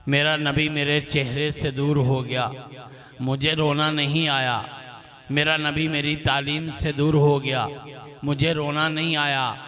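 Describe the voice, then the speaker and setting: Fervent preacher. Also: male voice, fairly high pitch, a bit bright. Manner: rhythmic repeated refrains, voice rising in fervent bursts. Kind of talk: impassioned religious sermon. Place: religious gathering with a crowd. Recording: crowd noise at a public gathering.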